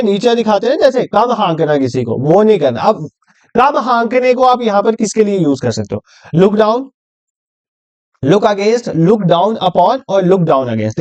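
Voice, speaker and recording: A man's voice: sits high, darkish tone, no echo, highs cut off. A man teaching an exam revision lecture, chatty and motivational, mixing Hindi and English.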